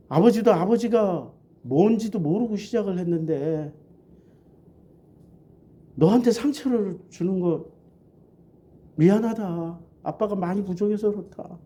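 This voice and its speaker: A woman acting out a humble middle-aged father who gently apologizes to his daughter, in a low, soft voice. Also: unhurried, pauses often, natural voice. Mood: tender apology.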